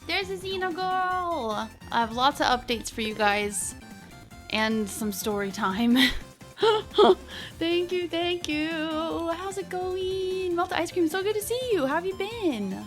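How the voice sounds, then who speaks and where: Picture a woman livestreamer with a high voice and a playful gamer-girl manner. She chats casually with her viewers in a bubbly, chirpy way. Music plays softly behind her. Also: expressive, measured pace. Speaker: live streamer host. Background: background music.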